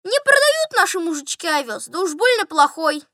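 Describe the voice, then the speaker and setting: A woman voicing a polite male country doctor in a high, courteous, sing-song way. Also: sing-song, moderate pace, sharp tone, no room sound, studio quality, exaggerated voice.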